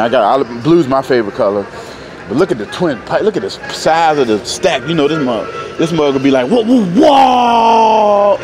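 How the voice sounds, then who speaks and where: A man from North Carolina, a truck driver casually vlogging to viewers in an animated, folksy way. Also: mid-range voice. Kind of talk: casual vlog talk to viewers. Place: truck stop, indoors and outdoors in the lot.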